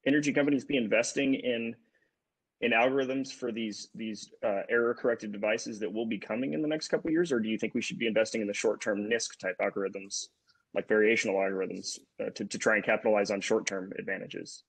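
Husky man asking on a dry video call. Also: on the low side, fairly quick, no echo, poor audio. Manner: polite, inquiring. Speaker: panelist asking a question. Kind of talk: panel discussion on video call.

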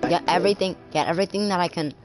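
A man's voice: high-pitched, fairly even intonation, very fast, rough recording. A man with an Australian accent directing his friends while they play a game together. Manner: bossy, repeats himself. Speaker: gamer streaming with friends. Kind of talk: casual gaming banter. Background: music.

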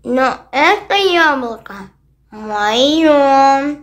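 A woman reading a children's tale aloud, voicing a stubborn, grumpy hedgehog who guards his apple in slow, emphatic words. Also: sits high. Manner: stubborn, insistent.

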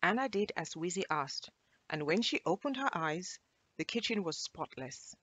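A woman reading a children's storybook aloud in a gentle, expressive way. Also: on the low side, normal speed, no echo.

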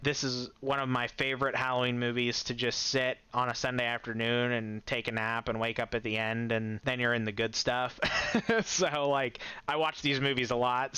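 A man's voice: mid-range voice, sharp tone, clean tone, dry recording. A man giving a casual, enthusiastic movie-ranking commentary, chuckling often and rambling with restarts. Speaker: movie reviewer.

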